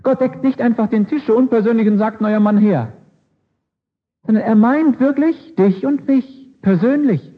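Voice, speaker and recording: A man's voice: very high voice, normal speed, few pauses, slightly rough. A man preaching a sermon emphatically, with rhetorical questions and repeated phrases, on a dull lo-fi recording.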